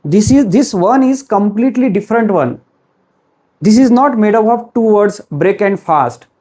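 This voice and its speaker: A man's voice: sits high, lively intonation, warm tone. A man with an Indian accent teaching English pronunciation, mixing Hindi and English and quizzing the viewer. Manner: slow, deliberate delivery. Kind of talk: classroom-style pronunciation lesson.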